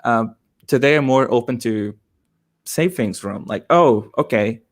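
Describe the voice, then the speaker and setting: A man who learned English as a second language tells a funny story about his own mistake in a relaxed panel chat. He speaks at a middling pitch, with plenty of fillers as he goes. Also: a little slow. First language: not English. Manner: self-deprecating storyteller, many fillers.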